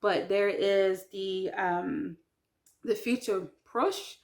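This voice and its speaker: Slow, chatty woman vlogger. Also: mid-range voice. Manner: chatty, hesitant, with many fillers. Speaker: French learner vlogger. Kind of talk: casual vlog talk.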